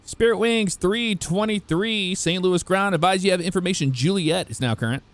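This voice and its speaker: A man serving as ground controller on an online flight simulation network gives clipped, procedural air traffic control instructions. His voice is high and his speed normal.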